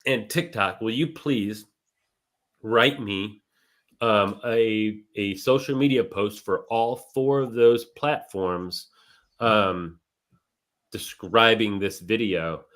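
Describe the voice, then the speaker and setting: A man's voice: fairly low pitch, slow, a bit bright. A man co-hosting a casual talk show, explaining things step by step in a conversational way. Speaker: co-host. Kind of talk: casual chat.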